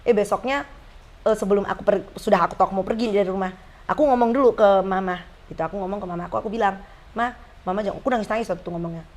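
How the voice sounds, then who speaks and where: A woman in her forties, a guest on a casual chat, telling her story in a slangy, lively way. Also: medium pitch, racing. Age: 40s. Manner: lively storyteller who acts out quoted voices; slangy, chatty.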